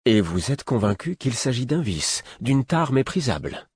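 A man reading the part of a soft-spoken, composed queen in an audiobook, speaking gently and earnestly. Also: mid-range voice, very animated, moderate pace, husky, voice pushed up.

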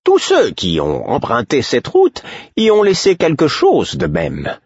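A man voicing a sharp-tongued, fretful old woman healer in an audiobook, scolding as she talks. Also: mid-range voice, wildly swooping pitch, a little slow, breathy edge, dry recording, dull audio, pitched above the performer's own voice, heavily acted. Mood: cryptic. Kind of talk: audiobook character voice.

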